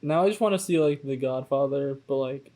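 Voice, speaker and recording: A young man co-hosting a casual podcast, joking around and quick to laugh. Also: medium pitch, warm tone. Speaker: podcast co-host. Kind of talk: casual chat.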